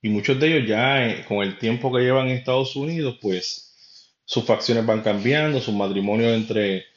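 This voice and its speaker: A man's voice: mid-range voice, normal speed. A man from Puerto Rico with a Puerto Rican Spanish accent, hosting a podcast and giving his opinions in a rambling, conversational way that speaks straight to the listener. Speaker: podcast host. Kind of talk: casual opinion monologue. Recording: roomy, dull lo-fi recording.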